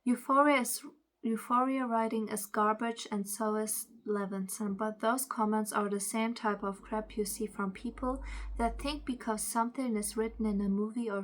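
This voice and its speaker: A woman with a mid-range voice and a non-native English accent hosts a commentary video, sharing casual opinions and reading aloud. She often stumbles over words and corrects herself.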